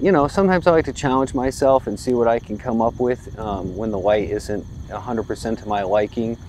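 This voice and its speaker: A man's voice: on the low side, mellow, slight background noise. A man in his forties, a photographer, explaining his work casually while standing outdoors on a rural roadside, thinking aloud with many ums and restarts. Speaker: photographer vlogger.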